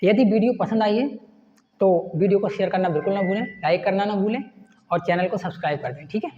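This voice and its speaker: A man's voice: high-pitched, quick pace, dark tone. Male teacher, patient walkthrough, self-answered questions; lo-fi recording with faint hiss. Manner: asks the class questions and answers them himself. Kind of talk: step-by-step classroom explanation. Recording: echoey room, dull lo-fi sound, faint hiss.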